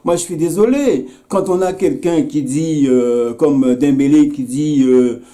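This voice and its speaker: A man's voice: fairly high pitch, unhurried, dark tone. A man speaking straight to camera in a video commentary, earnest and repetitive, with many hesitations, calling out another creator by name. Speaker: YouTube commentator. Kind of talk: direct-address video commentary.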